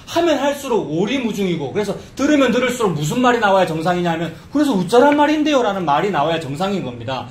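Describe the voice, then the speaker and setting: Animated male pastor in echoey church. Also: sits high, a little hiss or hum. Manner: conversational preaching, acts out quoted voices. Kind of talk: sermon. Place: church sanctuary.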